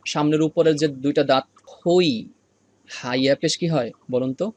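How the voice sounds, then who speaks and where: A man teaching an online Quran reading lesson, patiently repeating each sound slowly for practice. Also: a little high, fairly even intonation.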